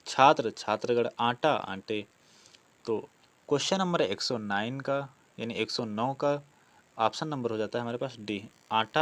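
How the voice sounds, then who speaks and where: A man with a medium-pitched, fairly bright voice teaches an online exam-prep class. He reads out quiz questions and explains the answers, often repeating key words as he works through them.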